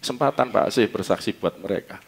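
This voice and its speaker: A man's voice: lowish voice, fast, creaky, husky. A middle-aged man with a Javanese accent preaching a casual, joking sermon in a church service, often laughing and asking the congregation questions. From East Java. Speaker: pastor. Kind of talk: conversational sermon.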